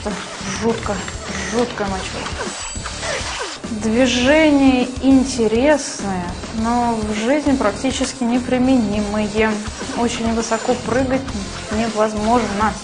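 A young woman giving casual, spontaneous commentary on a game in short, halting phrases. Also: fairly high pitch, fairly even intonation, low-quality recording. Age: young adult. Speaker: martial artist reviewing a game. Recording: loud music behind.

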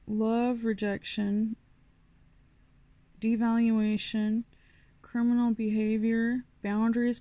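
Gravelly-voiced woman reading tarot. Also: a little high, dark tone. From New Mexico. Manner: rambling, many fillers and restarts. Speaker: tarot reader.

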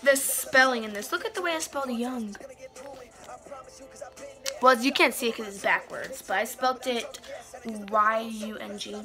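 A woman's voice: on the high side, a little slow, long pauses, bright, forceful tone, soft background music. A teenage young woman reading aloud casually and adding amused, self-deprecating asides. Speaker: vlogger. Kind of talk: casual reading aloud from old journal with commentary. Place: small bedroom, indoors.

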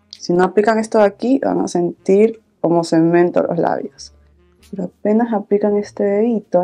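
A woman in her thirties talking softly and intimately, in a casual makeup-vlog chat. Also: creaky. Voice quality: soft-spoken. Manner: soft, low-volume talking, intimate. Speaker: beauty vlogger, host. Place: small indoor room, filming setup.

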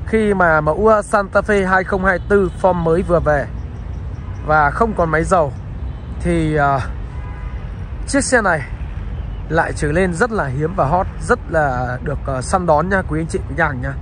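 Guy doing a car dealer walkaround, slightly high voice, polite sales patter, bit of outdoor noise behind him. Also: moderate pace, fairly bright tone. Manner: salesman's patter with repeated polite addresses to viewers. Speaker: used car dealer presenting a car. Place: outdoors beside and inside a car on a roadside.

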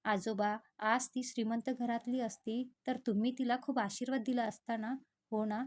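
A woman voicing a protective, quick-tempered young husband who talks in heated, drawn-out pleas. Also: on the high side, level tone, a little mellow, close to an everyday voice. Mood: angry.

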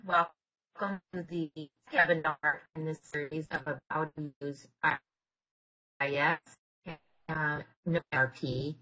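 A woman's voice: low voice, steady tone, sharp tone, highs cut off. Woman on choppy, cutting-out call audio. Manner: halting, with fillers and restarts. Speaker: division director. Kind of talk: webinar introduction over a call. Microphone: home computer, no headset.

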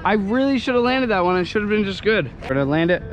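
A young scooter rider films himself at an outdoor skatepark with an action camera mounted on his handlebars, chatting casually, swearing and laughing at himself. His voice sits high and is fast and very animated, and the outdoor camera audio is noisy.

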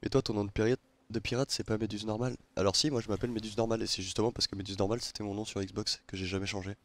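A man's voice: fairly low pitch, level tone. A man with a French accent chatting casually and joking with friends while streaming a game, swearing often. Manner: fast, rambling, laughs often. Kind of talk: casual gaming chat with friends.

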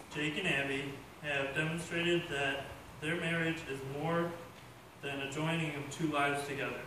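A young man reads a wedding ceremony text in a fairly high voice. The church is very echoey, and he is heard from a distance over clear noise. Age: young adult. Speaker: best man leading a unity ceremony. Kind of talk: scripted ceremonial reading. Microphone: distant camera. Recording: echoey church, distant mic, noisy ambience.

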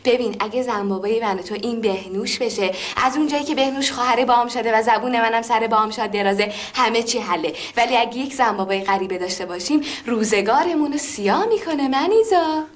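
An actress playing a bossy, scheming sister who talks in a persuasive way in a sitcom. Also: female voice, fairly high pitch, few pauses, natural voice. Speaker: daughter. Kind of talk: sitcom acting.

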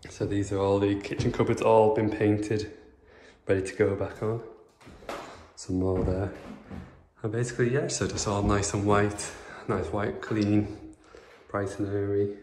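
A young man in his twenties, a property renovation vlogger, gives a chatty, rambling tour of an empty house under renovation, full of fillers. His voice is fairly low and darkish, recorded indoors on a phone camera held in hand then propped up, with echoey bare rooms and a little hiss or hum.

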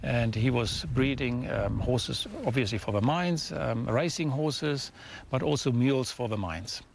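A man's voice: mid-range voice, measured pace, creaky. A middle-aged man explaining history in a documentary interview, recorded outdoors. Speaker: foundation chairman, local history expert. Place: outdoors in open desert beside ruins. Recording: outdoor interview with background noise.

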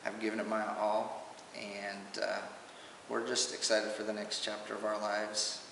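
A man speaks in a low, even voice, halting and emotional as he gives a personal testimony at home. It sounds like old home camcorder audio, picked up from across a roomy space with a long reverb tail and a faint hiss underneath. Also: creaky, recorded from a distance. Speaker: father giving a personal testimony.

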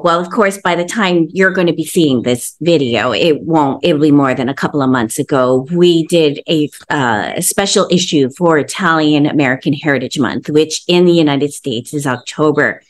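A middle-aged woman hosting an interview over a video call from her home, curious and asking questions with rambling asides. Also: low voice. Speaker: interviewer, magazine host. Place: home room indoors. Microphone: video call webcam.

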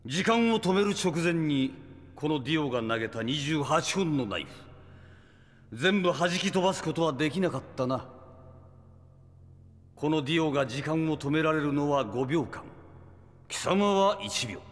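A man's voice: fairly high pitch, lively intonation, moderate pace, pauses often, long reverb tail, lightly acted. An actor playing an arrogant, sadistic male villain in an anime audio drama, pompous, theatrical and gloating. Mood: taunting, triumphant.

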